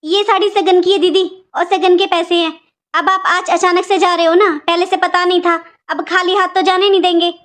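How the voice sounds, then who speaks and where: A stingy, sharp-tongued aunt, played by a woman in a cartoon, with a very high voice. She lectures and complains without letting up. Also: little pitch movement, moderate pace. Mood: polite. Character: harsh, stingy aunt by marriage. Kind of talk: cartoon voice acting.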